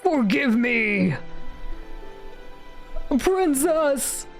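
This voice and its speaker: Woman as dutiful, flustered knight, urgent exclamations pitched up, music behind. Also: sing-song, extremely slow, creaky, full character voice. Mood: alarmed. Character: flustered, dutiful male knight captain in fantasy game.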